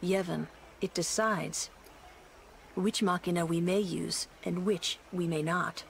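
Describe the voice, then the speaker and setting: An actress playing a stern, composed young woman mage who speaks in a calm, measured way. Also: lowish voice, vocal fry, crowd noise.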